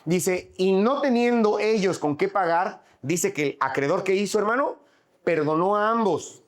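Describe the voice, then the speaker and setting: Higher-voiced preacher. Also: male voice, moderate pace. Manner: asks the congregation frequent rhetorical questions; repeats and rephrases phrases for emphasis. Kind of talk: sermon.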